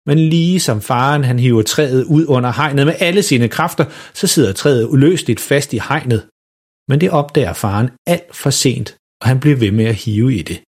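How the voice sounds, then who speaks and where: A man reading a children's Christmas story aloud in a lively way. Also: mid-range voice, slightly rough.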